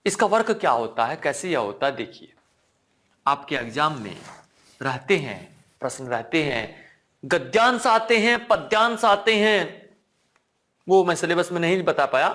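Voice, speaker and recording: Lively, slow-speaking Hindi-accented male teacher. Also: high-pitched. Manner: repeats key words as questions to the class; asks the class "ठीक है ना?" again and again. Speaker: Sanskrit teacher. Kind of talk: online exam-prep lesson.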